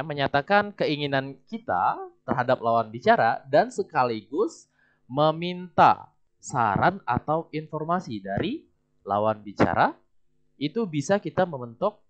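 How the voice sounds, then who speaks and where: Man, classroom teacher, lively intonation, explaining and urging students on, muffled lo-fi sound. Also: mid-range voice. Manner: animated, explaining and coaxing students. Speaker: Japanese language teacher. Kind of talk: classroom instruction. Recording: dull lo-fi recording.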